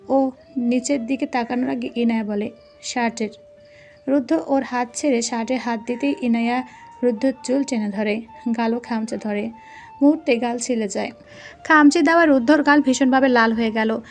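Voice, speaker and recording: A woman reads a romance story aloud in a steady, dramatic storyteller's voice, pitched somewhat high. Faint music runs quietly under her words. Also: normal speed. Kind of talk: scripted story narration.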